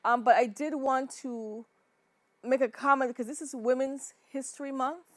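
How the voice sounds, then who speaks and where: A woman hosting an interview show, putting deliberate questions to her guest. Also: sits high, fairly even intonation, dry recording. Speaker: show host. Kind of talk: hosted interview.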